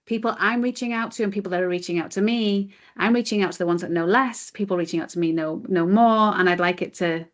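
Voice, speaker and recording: Speaking quickly and with few pauses, this British woman answers earnestly and explains her points as the guest in a conversational interview. She heads a mindfulness charity as chief executive, and her voice sits at a medium pitch.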